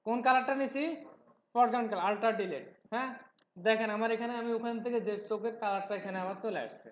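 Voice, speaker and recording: A man from Noakhali in Bangladesh with traces of a regional Bangladeshi Bengali accent, teaching a live software class, talking fast and checking in with his students. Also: high voice. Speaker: software instructor. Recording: roomy, dull lo-fi sound with faint noise.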